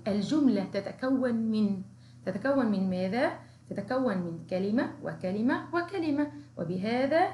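A woman's voice: medium pitch, a little mellow, slight background noise. Encouraging woman teacher, echoey room. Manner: encouraging, slow, sounds out syllables. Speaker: kindergarten teacher. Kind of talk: recorded Arabic writing lesson for young children.

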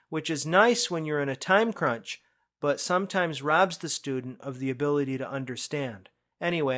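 A man narrating a screencast lesson on IT certification, explaining questions in a conversational way that speeds up and slows down for emphasis. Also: on the high side, fairly bright tone. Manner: conversational, explanatory, quick bursts then slow emphasis. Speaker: IT certification instructor.

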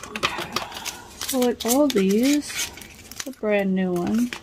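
Speaking slowly in a slightly high voice, a woman in her thirties rambles casually as a nail vlogger in her home nail studio, thinking aloud and doubting herself. Clicks and background noise come through clearly.

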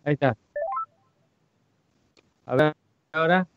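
A man's voice: a little high, slow, clean tone, dry recording. Man on a choppy, breaking-up call line. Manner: repeats hellos, checking he is heard. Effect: choppy breaking-up internet call audio. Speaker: remote panelist on call. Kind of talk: casual panel chat. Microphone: remote call mic. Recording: lo-fi dry internet call.

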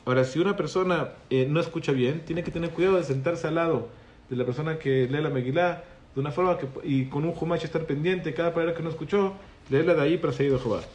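Guy teaching a law class, quizzes the room, slightly high voice, faint hiss behind. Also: quick pace, darkish tone. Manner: explains patiently, asks the class questions. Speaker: rabbi teaching halakha class. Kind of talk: Torah class with student questions.

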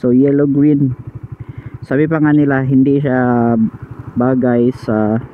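Slow Filipino man, muffled inside a helmet. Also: medium pitch. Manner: relaxed, rambling, mixes English into Tagalog. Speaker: motovlogger. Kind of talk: casual helmet review vlog. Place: outdoors on a street by a motorcycle. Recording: dull camera mic with loud traffic noise. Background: traffic and motorcycle noise.

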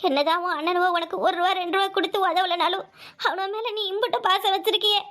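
Lamenting cartoon village mom, very high and bright voice, southern Tamil Nadu accent, as a woman voices her. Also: fairly even intonation, fast. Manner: complaining and lamenting. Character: weary, lamenting village mother. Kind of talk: cartoon voice acting.

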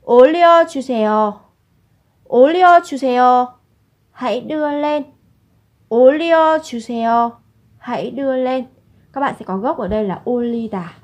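A woman's voice: a little high, animated, quick pace, darkish tone, dull audio. A woman teaching a language lesson, repeating each example phrase and then explaining it.

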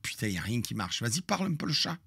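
A man's voice: mid-range voice, sing-song, quick pace, creaky, fairly bright tone, breathy edge. A man in his fifties telling a story in a crude, theatrical, jokey way, with asides to his chat. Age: 50s. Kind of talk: casual storytelling.

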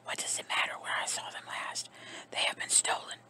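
Reader whispering a bossy haughty old aunt, snappy, bright airy hush. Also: normal speed. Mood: scolding. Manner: haughty, scolding. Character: imperious older aunt, formidable and snappish. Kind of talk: ASMR story reading.

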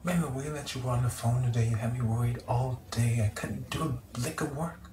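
A man's voice: medium pitch, quick pace, lightly acted. Man acting flustered pleading boyfriend, stammering apologies, roomy echo, faint background hum. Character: flustered young man pleading with his sulking girlfriend. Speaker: actor in a short film. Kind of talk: film dialogue, naturalistic acting. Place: living room of a home.

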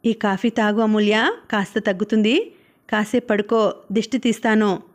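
A woman's voice: mid-range voice, fairly even intonation, moderate pace, lightly acted. A woman voicing a fussing, affectionate older mother-in-law in a storybook reading.

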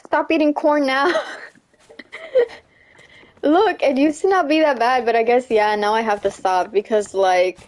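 A young woman plays a game live and chats with her viewers, reading chat, laughing often, and saying "you know what I'm saying" over and over. She speaks in a fairly high voice, slightly slow, with long pauses.

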